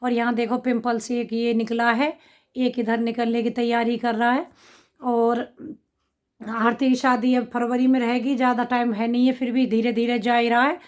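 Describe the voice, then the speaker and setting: A woman's voice: on the high side, flat delivery, moderate pace. A middle-aged woman with a slight cough, chatting to her viewers in a rambling account of her family's day. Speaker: family vlogger. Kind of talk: casual vlog talk to camera.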